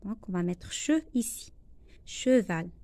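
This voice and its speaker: A woman teacher with a Moroccan accent, going slowly through a worksheet lesson, repeating each phrase and translating it into Arabic. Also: medium pitch, lively intonation, dark tone, no room sound. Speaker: primary school teacher.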